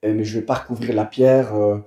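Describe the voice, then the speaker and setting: Homme belge à la voix sourde, pièce résonnante. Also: male voice, fairly low pitch, flat delivery, brisk, mellow, reverberant. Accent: Belgian French. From Wallonia, Belgium. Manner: hesitant, many fillers and repeated words. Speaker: guest. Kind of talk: casual conversation.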